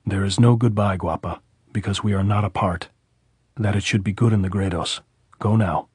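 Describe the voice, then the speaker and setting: A man voicing a wounded soldier who speaks calmly and reasonably, with quiet authority. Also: lowish voice, moderate pace, slightly rough, dry recording, clean studio sound. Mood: firm. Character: wounded male American soldier, calm and commanding.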